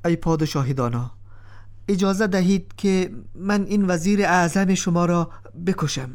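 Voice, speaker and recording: A man's voice: high voice, natural voice. A man voicing a clever, composed slave pleading his case before a king in a told story. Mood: calm, reasoning. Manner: composed, cool-headed pleading. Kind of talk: storybook drama reading.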